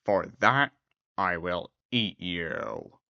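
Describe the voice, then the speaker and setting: A performer voicing a big hairy male beast with a werewolf-like growl, sly and smooth-talking, in a storybook tale. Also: deep voice, lively intonation, drawn-out words, pushed and bright, no echo, lo-fi sound, voice pushed down, heavily acted. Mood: menacing.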